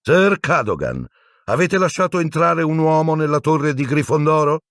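A man's voice: a little high, expressive, normal speed, dry recording, clean studio sound, voice pushed up. A man playing a stern older woman professor. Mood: stern, scolding. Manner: sharp, scolding.

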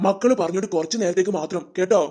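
Performer putting on a gentle old grandpa, soft and tender, quick-spoken, middle pitch. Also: lightly acted. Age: older. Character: poor old male Santa-costume worker, gentle and weary. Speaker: street Santa performer.

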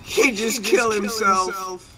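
Young male gamer, giggly joker, high voice, with chatter going on behind. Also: fairly even intonation, slow, rough recording. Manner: giggly, joking. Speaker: gamer in voice chat. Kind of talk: casual gaming banter.

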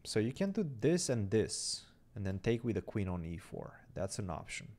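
A young man calls a chess game live in a loose, chatty stream, thinking out loud as the moves come. His voice sits a little low and carries a gravelly fry at the ends of phrases. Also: big pitch swings, normal speed. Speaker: chess commentator.

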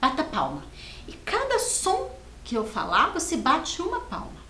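Slow, lively woman teacher, echoey room. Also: sits high, a little hiss or hum. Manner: slow, sing-song, syllable-by-syllable teaching voice. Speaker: first-grade teacher. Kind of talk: televised classroom lesson. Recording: echoey studio with faint ambience.

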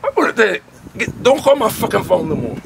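A man from New York ranting boastfully and loudly on a live stream, taunting as he talks. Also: high voice, sing-song, brisk, creaky. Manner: boastful, loud, profane, taunting. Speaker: livestreamer. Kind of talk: brash live-stream rant. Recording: loud crowd around him.

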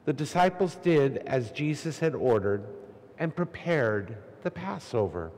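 Priest reading the gospel, formal and steady, big cathedral echo on his voice. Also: mid-range voice, measured pace. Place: large church. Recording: long cathedral reverb.

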